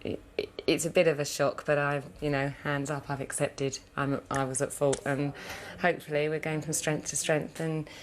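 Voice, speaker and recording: A woman's voice: sits low, level tone, normal speed, few pauses. A British woman, a mother, talking frankly and reflectively in a reality TV interview. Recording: noisy background.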